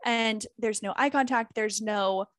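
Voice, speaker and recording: Woman guest, talks straight and emphatic, swears a bit, slightly high voice, dry close sound. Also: unhurried, fairly bright tone, dry recording. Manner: candid and emphatic, swears freely. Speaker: former group fitness instructor. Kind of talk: casual conversational interview.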